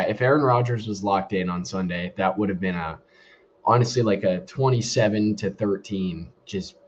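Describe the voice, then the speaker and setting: A man's voice: fairly low pitch, slight background noise. A man co-hosting a casual sports podcast whose voice sounds muffled and hollow, like he is inside a fishbowl, talking laid-back with many fillers. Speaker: podcast co-host. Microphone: computer mic after headset died. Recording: muffled lo-fi call audio.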